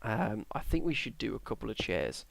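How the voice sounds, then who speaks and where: A man's voice: fairly low pitch, wildly swooping pitch, moderate pace, creaky. A tired young man, rambling and hesitant as he commentates his Minecraft build. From England. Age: young adult. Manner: rambling, hesitant, self-correcting. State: tired, yawning. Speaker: Minecraft YouTuber. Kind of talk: casual gameplay commentary.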